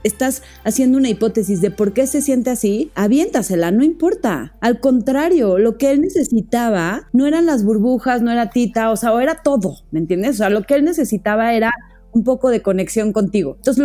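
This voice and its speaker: A woman's voice: fairly high pitch, dark tone. A woman expert, explaining with emphasis and reassurance in a podcast interview, often saying "o sea". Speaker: child psychologist guest.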